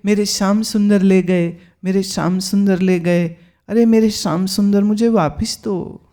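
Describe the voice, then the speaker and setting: A woman's voice: medium pitch, steady tone, a little slow, mellow, close to an everyday voice. A woman voicing a pleading little princess girl, insistent and tearful in tone, in a spoken sermon story.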